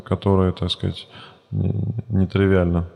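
A man's voice: low voice, monotone, moderate pace, gravelly, dark tone. A man interpreting a religious lecture phrase by phrase, hesitant with fillers and restarts. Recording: long hall reverb.

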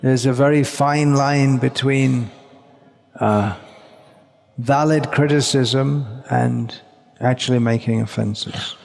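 A man giving a measured religious lecture in short phrases, pausing and repeating words while an interpreter follows. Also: medium pitch, fairly even intonation, gravelly, a little mellow. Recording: long hall reverb.

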